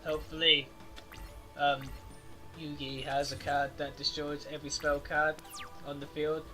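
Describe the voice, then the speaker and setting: A man who describes his own voice as high-pitched hosts a gaming channel, chatting casually with viewers and thinking aloud while playing a card game. His delivery is monotone and unhurried, with music playing in the background. It's relaxed let's-play commentary.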